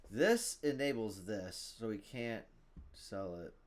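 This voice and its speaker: A man's voice: lowish voice, animated, slow pace. A man casually commentating his own card game, thinking aloud, reading item text and groaning at bad luck. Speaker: gaming streamer.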